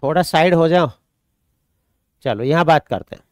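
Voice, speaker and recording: High-voiced man teaching a class. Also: moderate pace, no echo, clean studio sound. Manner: repetitive, dictates notes and answers student questions. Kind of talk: online exam-prep class.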